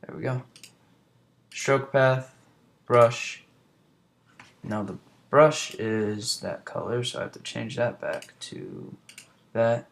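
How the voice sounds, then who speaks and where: A man's voice: lowish voice, creaky. A young man talking casually through a design tutorial, rambling and muttering to himself as he works. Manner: rambling, mutters under breath while working. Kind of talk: casual screen-recorded tutorial.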